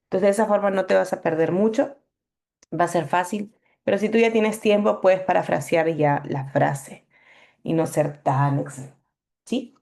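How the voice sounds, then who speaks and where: A woman's voice: lowish voice, unhurried, creaky, a little mellow. A young woman teaching a Bible meditation workshop, explaining patiently with fillers and frequent checks that the class is following.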